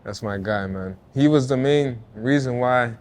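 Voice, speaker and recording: A man in his thirties, born in Jamaica and raised in Toronto, speaks at a measured pace with a mid-pitched voice. A former football player turned artist, he's an interview guest reflecting casually in a laid-back, earnest way. He leans on "you know" and "like" a lot and sometimes restarts his phrases.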